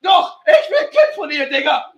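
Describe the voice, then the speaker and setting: A man playing a hysterical young male fan who is overwhelmed by donations, shouting slang and repeating "Digga" constantly in a livestream comedy sketch. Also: very high-pitched, very animated, moderate pace, muffled recording, pitched above the performer's own voice, heavily acted. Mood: giddy.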